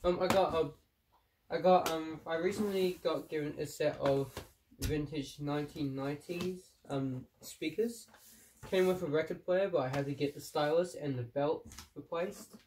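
Unboxing old equipment in a messy room, this young male vlogger has a stuffy nose from a cold and rambles chattily with lots of fillers. His voice is slightly high and his pace moderate. The mic is distant and there's noise behind him.

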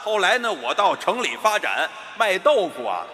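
A man plays a bossy know-it-all teacher in a crosstalk routine. His voice sits high, bright and animated, with a long hall reverb behind it. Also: normal speed. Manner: bossy mock teacher, drilling his partner in English words. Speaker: crosstalk lead performer. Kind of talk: stage crosstalk comedy. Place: theater stage with a live audience. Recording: reverberant hall, faint noise.

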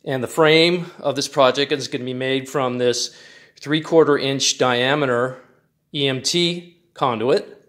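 A man hosting a DIY channel, calmly walking through a step-by-step build tutorial with measurements, in a plain, methodical way. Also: mid-range voice, a little slow.

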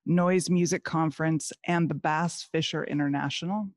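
A woman's voice: low-pitched, steady tone, moderate pace, a little mellow, no echo, studio quality. A woman hosting a museum artist talk outdoors, reading a formal guest introduction from notes. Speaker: museum host, moderator. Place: outdoor courtyard.

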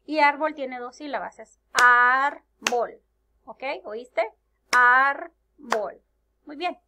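Woman, preschool teacher, slow and drawn-out, bright higher voice, checks "ok?" often. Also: slight background noise. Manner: drawn-out words, syllables clapped and repeated; asks "ok?" after each step. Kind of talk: slow, patient lesson for young children.

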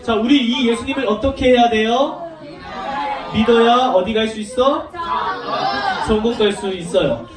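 A woman giving a lively sermon to young children, asking them questions and acting out the story. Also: a little high, a little slow, long pauses, a loud crowd, very noisy. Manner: animated, questions children, acts out voices. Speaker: children's Sunday school preacher. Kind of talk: children's sermon with call and response. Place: large church hall. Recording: roomy echo, distant mic.

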